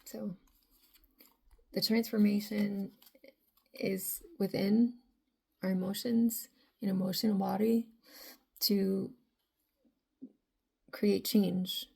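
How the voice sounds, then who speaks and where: A woman with a raspy voice giving a rambling tarot reading to viewers, full of filler phrases. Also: medium pitch, little pitch movement, very slow, pauses often, warm tone. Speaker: tarot reader.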